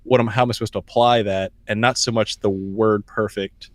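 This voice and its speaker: A man speaking thoughtfully on a podcast panel, recounting a story in a measured way with some fillers. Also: lowish voice, fairly even intonation, no echo. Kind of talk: conversational podcast discussion.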